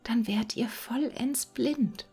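Whispered role-play, a woman playing a gentle male swallow, breathy, slow, soft and pleading. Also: on the high side, soft background music, pitched above the performer's own voice, full character voice. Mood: tender. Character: kind-hearted male swallow, small and tender.

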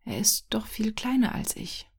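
A woman voicing a stubborn, sad nine-year-old boy in a storybook reading, speaking softly and often in a whisper. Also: on the high side, sing-song, normal speed, husky, pitched above the performer's own voice, full character voice. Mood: grieving.

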